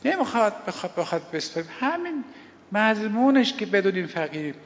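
An older man giving a sermon on a prayer, telling stories emphatically, repeating key phrases and swinging between loud and hushed delivery. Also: high voice, sing-song, slight background noise. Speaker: religious teacher. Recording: dull lo-fi recording with long hall reverb.

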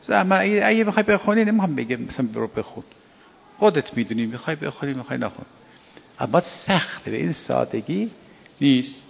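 A man delivers a sermon in a gravelly, somewhat high voice, lecturing his listeners and firing rhetorical questions at them. His words carry a long reverb, as if from a large hall. The recording itself sounds dull. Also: animated. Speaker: cleric.

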